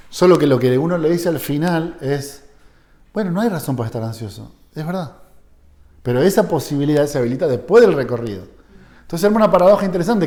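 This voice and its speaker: Mellow-voiced man lecturing. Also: on the high side. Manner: conversational, asks the audience for agreement, acts out short quoted dialogues. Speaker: seminar lecturer on psychoanalysis. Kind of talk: live seminar lecture.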